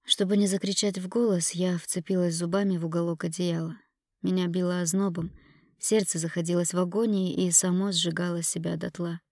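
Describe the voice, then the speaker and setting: A woman narrating a first-person audiobook, reading with strong emotion and shouting in the quarrel scenes. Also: lowish voice, little pitch movement, fairly quick, no room sound, studio quality.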